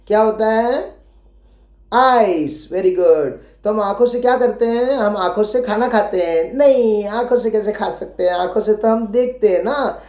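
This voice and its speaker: Woman teacher, slow and patient, spells words out, mellow voice, echoey room. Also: medium pitch. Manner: asks the children questions and praises them. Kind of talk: explaining a children's English lesson in Hindi.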